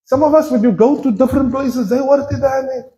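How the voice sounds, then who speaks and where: A South African man preaching a sermon in a church, playful and animated, mixing English and Afrikaans. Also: very high-pitched, a little fast, echoey room, low-quality recording. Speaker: pastor.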